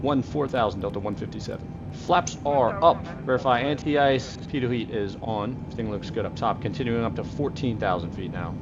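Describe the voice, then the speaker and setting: A man playing an airline pilot over a cockpit headset mic, making radio calls and narrating in a brisk, dry, joking way with casual swearing. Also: mid-range voice, dull audio, over music. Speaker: flight simulator streamer playing airline pilot.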